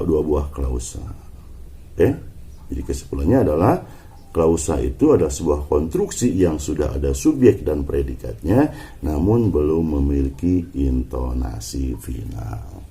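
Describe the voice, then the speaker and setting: A man's voice: rumbling low, dark tone. A man giving a university lecture, explaining step by step and posing questions he then answers himself.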